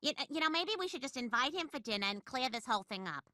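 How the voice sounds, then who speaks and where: An actress playing a polite, concerned suburban wife and mother in an animated sitcom, with a nasal voice. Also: sits high, fast, slight background noise. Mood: polite, worried.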